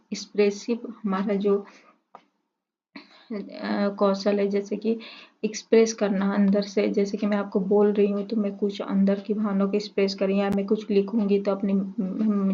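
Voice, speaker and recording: A woman explains a lesson for trainee teachers in a level, mid-pitched voice that barely rises or falls. She stops and restarts often, filling gaps with hesitations. The recording sounds muffled and lo-fi. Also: warm tone. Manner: halting, many fillers and restarts. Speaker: teacher-exam tutor. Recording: dull lo-fi recording.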